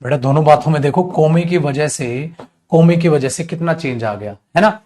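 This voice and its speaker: This lively male teacher, whose voice sits on the high side, runs a live online class. He asks questions only to answer them himself, calls the students "beta", and spells out English example sentences slowly.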